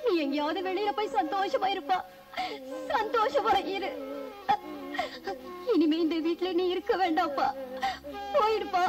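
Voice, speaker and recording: A woman's voice: extremely high pitch, measured pace, pauses often, far from the mic, over music. A loving long-suffering mother. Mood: tender. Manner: pleading, tender, tearful. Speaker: poor mother.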